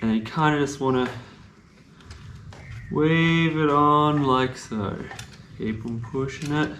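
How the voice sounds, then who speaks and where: A man's voice: on the high side, slow pace, a bit bright. A man giving a casual how-to demonstration as a bike tech presenter, talking through each step as he works. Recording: echoey room with faint noise.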